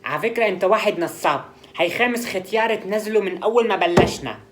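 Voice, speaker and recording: An actor with a Syrian accent playing a whisky-loving, quarrelsome roommate in a comedy sketch. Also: male voice, sits high, fast, a little hiss or hum, close to an everyday voice. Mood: accusing. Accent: Syrian Arabic.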